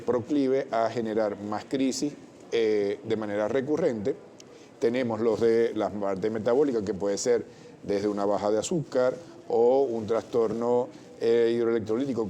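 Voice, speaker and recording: A man, a doctor explaining things as a guest in a television interview, measured and technical, often restarting words. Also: on the low side, dark tone, slight background noise. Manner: measured, technical, with frequent self-corrections.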